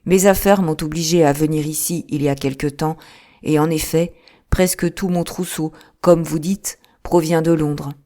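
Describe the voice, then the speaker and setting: A brisk, touchy male lawyer, as a woman reader puts him on in an audiobook. He talks plainly and to the point, in a low, mellow voice. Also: steady tone, close to an everyday voice. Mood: businesslike. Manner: plain, businesslike, quickly irritated. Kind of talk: audiobook character reading.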